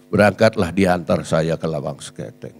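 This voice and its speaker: A man's voice: sits low, normal speed, gravelly. A man in his sixties, a preacher, telling a funny story in a sermon, chatty and laughing as he acts out the people in it.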